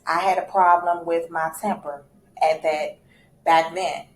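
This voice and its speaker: A woman's voice: on the low side, level tone, unhurried, roomy sound, rough recording. A woman in her thirties telling a candid, reflective personal story in a casual storytime vlog. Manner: candid, reflective, many fillers and restarts.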